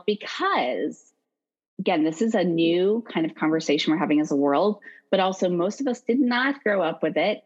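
On a muffled recording, a consent educator with a lowish voice is interviewed as a podcast guest. She explains her points with animation, performing the voices of the people she quotes.

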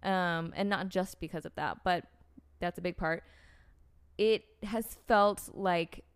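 A young American woman speaks slowly in a lowish, smooth, steady voice as she tells a personal story in relaxed conversation. She rambles, leans hard on "like" and "um," and frequently restarts her sentences.

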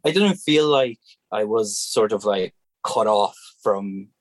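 A man's voice: on the low side, animated, slow pace, no room sound. Man, young adult, Hungarian accent, native Hungarian speaker, casual interview guest, hesitant, many restarts. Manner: hesitant, searching for words, frequent restarts.

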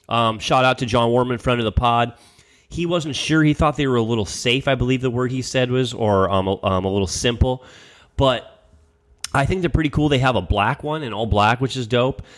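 A young man hosts a casual football podcast in a chatty way, full of ums and restarts. He has an everyday, mid-height voice. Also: mid-range voice. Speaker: podcast host. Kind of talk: casual sports podcast chat.

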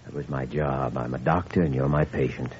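Doctor Kildare, deep-voiced earnest doctor. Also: male voice, steady tone, a little fast, a little mellow. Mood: firm, earnest. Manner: earnest, persuasive. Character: earnest, caring male doctor. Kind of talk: 1940s-50s radio drama acting. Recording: dull, noisy old radio recording.

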